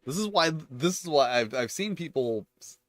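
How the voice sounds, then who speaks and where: A man's voice: mid-range voice, lively intonation, normal speed, no echo. A man hosting his channel, reading tabletop game rules aloud and breaking off into chatty, rambling asides. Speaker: channel host reviewing tabletop games.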